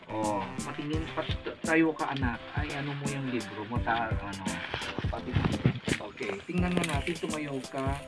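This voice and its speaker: A man with a Filipino accent, talking to a girl and her grandfather as he hands out gifts on a vlog, warm and coaxing, slipping in English words. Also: mid-range voice, expressive, normal speed, low-quality recording. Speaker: vlogger handing out donated goods. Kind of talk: casual talk to family and camera. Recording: music playing loudly behind.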